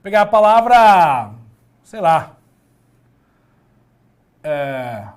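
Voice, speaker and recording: Animated male teacher with lively pitch. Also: smooth. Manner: animated, drawn-out emphasis on key words, talks to himself. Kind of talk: lively grammar lesson.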